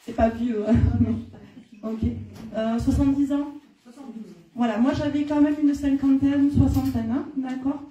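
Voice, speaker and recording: A woman's voice: high-pitched, fairly even intonation, a little slow, warm tone. A woman with a southern French accent, speaking as a medium to a live audience in a plain-spoken, informal way. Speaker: spirit medium. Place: indoor hall at a live-streamed event. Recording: echoey room, distant mic.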